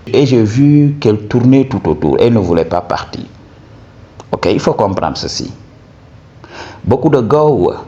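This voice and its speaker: A man's voice: fairly low pitch, a little mellow, highs cut off. A man hosting his channel, telling a story in a casual monologue, acting out both sides of an argument and dropping in English phrases. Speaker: channel host.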